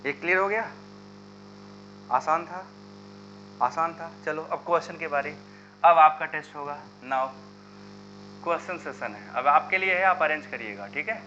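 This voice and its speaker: Bright-voiced man teaching chemistry live. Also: fairly high pitch, a little slow, pauses often. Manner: coaxing, urging students to answer in the comments. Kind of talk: live online chemistry lesson. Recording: dull lo-fi sound with faint hum.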